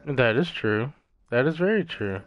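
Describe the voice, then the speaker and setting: A man's voice: medium pitch, expressive, normal speed. A man trash-talking his friends in casual voice chat while gaming, brash, profane and mocking. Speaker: gamer streaming with friends. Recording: dull lo-fi gaming mic, faint hiss.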